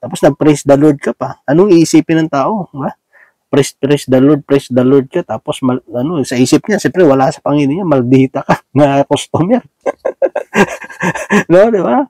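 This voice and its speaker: A man's voice: on the high side, lively intonation, moderate pace, a little mellow, no room sound. Filipino man preaching in a folksy way. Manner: folksy, asks "di ba?" often, acts out little scenes. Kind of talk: conversational sermon.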